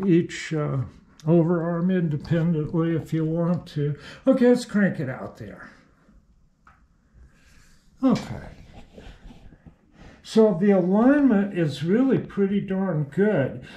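Slow, mellow-voiced older man in his shop. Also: fairly high pitch. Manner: rambling, many fillers and restarts, folksy. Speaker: hobby machinist showing his shop. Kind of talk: casual workshop demonstration. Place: small cluttered home machine shop, indoors.

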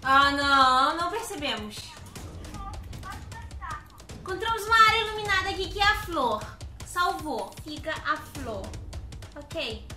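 Young woman, Brazilian accent, very high voice, playful gaming commentary, roomy sound. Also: lively intonation, a little slow, long pauses, pushed and bright. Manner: playful, exclamatory, dramatic reactions. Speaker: gaming video host. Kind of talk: excited gameplay commentary with friends. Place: small indoor gaming room. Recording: roomy echo, game music behind. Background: video game music.

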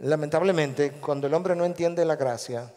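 A male pastor with a Guatemalan Spanish accent preaching a sermon in a large church, animated, acting out the voices he quotes. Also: a little high, normal speed. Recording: long echo of a large church hall.

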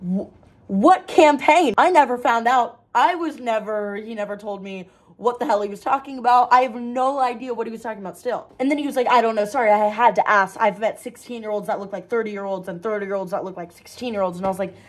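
A young woman vlogger chatting casually and telling a story, acting out the quoted lines in an animated way. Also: a little high, fast, few pauses. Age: young adult.

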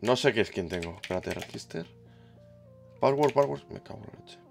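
A young man with a Spain Spanish accent, livestreaming a game in excitable, teasing casual chat. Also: lowish voice, normal speed, creaky, soft background music. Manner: excitable, laughs loudly, teasing. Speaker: streamer. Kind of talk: casual live gaming chat.

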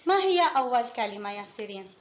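A woman's voice: on the high side, very animated, fast. A woman kindergarten teacher in a classroom, patiently quizzing pupils one by one and praising each answer. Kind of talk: classroom phonics lesson. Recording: muffled lo-fi with faint noise.

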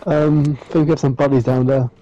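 A man chatting calmly with a friend during a game, making short, dry remarks. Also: medium pitch, a little fast, muffled recording. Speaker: co-player. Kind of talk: casual gameplay chat.

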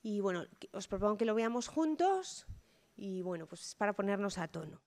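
A woman's voice: medium pitch, big pitch swings, fairly quick, noisy background. A woman lecturer, giving an informal, thoughtful talk with many hesitations. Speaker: humanities lecturer.

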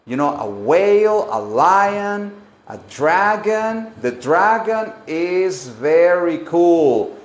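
Man, English teacher, slightly high voice, very slow and deliberate, echoey room. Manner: slow, repeats phrases and drills pronunciation. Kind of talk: bilingual English lesson on a live stream.

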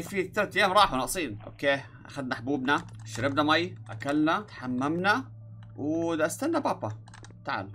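A man's voice: a little high, bright, forceful tone. A young man doing playful, dramatic let's play commentary and joking about being scared. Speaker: gaming YouTuber.

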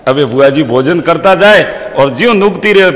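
A man's voice: a little high, expressive, moderate pace, fairly bright tone. A man with a Rajasthani accent, a comedian telling folksy comic stories, quoting proverbs and voicing characters. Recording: long hall reverb.

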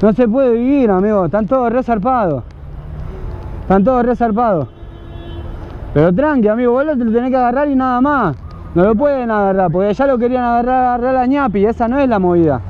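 Motovlogger, Argentine man with a Rioplatense accent, very high voice, muffled helmet mic, street traffic all around. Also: fairly quick. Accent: Rioplatense Spanish. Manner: urgent, shouting commands in the street. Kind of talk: helmet-cam motorcycle vlog. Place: city street outdoors, riding a motorcycle. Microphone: helmet camera mic. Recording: muffled, with loud traffic noise.

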